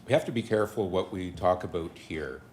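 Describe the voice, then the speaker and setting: Male solicitor, very low voice, careful cautionary advice to council. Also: brisk, darkish tone, slight background noise. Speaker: town solicitor. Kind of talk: legal advice at a council meeting.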